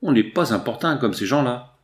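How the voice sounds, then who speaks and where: A man's voice: medium pitch, animated, moderate pace, lightly acted. A man reading an earnest young wife. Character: young married woman, reconciling lover.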